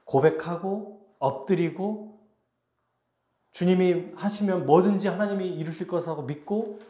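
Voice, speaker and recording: A man's voice: high voice, mellow. A male pastor preaching a sermon, talking directly to his congregation and acting out the lines of biblical characters. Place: church sanctuary. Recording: echoey church sanctuary.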